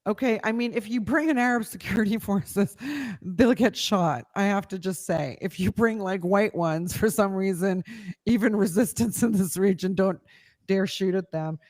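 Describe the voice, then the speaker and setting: A woman's voice: mid-range voice, moderate pace, darkish tone. A woman co-hosting a casual political discussion, talking conversationally with frequent fillers. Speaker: podcast co-host.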